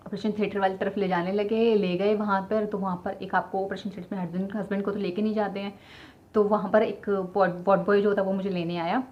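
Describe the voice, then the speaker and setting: A woman's voice: mid-range voice, level tone, quick pace. Chatty young woman telling her story. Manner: chatty, addresses viewers directly, many fillers. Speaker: vlogger sharing her childbirth story. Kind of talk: casual personal storytelling. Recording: slightly dull lo-fi sound with faint ambience.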